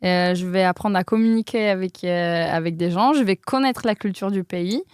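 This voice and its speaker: A young woman who isn't a native French speaker tells the story of her exchange studies as a guest in a casual interview, sounding hesitant, using lots of fillers, and laughing often. Her medium-pitched voice is smooth and a little mellow at a normal speed, captured in clean studio sound with no room sound.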